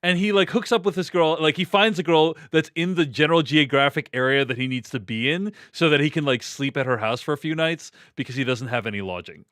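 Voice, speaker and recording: A man's voice: fairly high pitch, a little fast, few pauses, fairly bright tone, dry recording, studio quality. A man hosting a casual movie discussion, chatty and recapping scenes in a loose, conversational way. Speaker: host.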